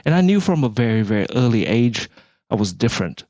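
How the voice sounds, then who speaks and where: A man's voice: mid-range voice, very animated, fast, dark tone, dry recording. A man, a guest speaking in an earnest, reflective way with frequent restarts. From Malaysia. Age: 40s. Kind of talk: casual interview talk.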